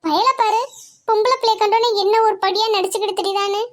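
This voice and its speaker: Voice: extremely high pitch, fairly even intonation, fast talker. A performer voicing a jealous teenage schoolboy who grumbles at his friend. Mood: grumbling.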